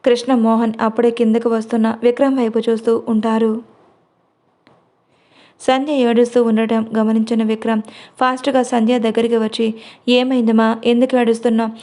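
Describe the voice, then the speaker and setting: A woman narrating a serialized drama story in a steady reading voice. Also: a little high, normal speed, long pauses.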